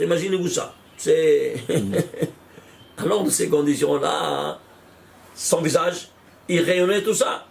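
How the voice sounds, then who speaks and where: A man teaching a Kabbalah study class, animated, repeating numbers out loud and exclaiming in wonder as he questions his students. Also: sits high, creaky. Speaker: Torah teacher.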